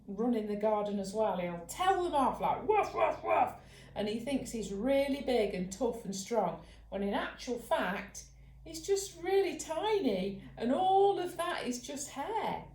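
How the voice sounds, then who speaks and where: A woman, a children's author, reading a bedtime story aloud in a lively, expressive way. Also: on the high side. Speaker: children's author and dog trainer. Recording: roomy echo.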